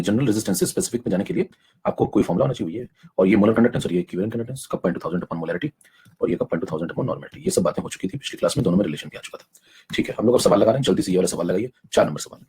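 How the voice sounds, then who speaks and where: A young adult man teaching chemistry in a live online class, coaxing students along and saving his voice by speaking softly. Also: sits low, slightly rough. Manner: rapid, coaxing, mixes in English technical terms.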